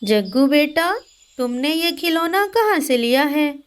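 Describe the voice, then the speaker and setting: A woman's voice: high voice, animated, measured pace. Woman voicing a worried mother sparrow.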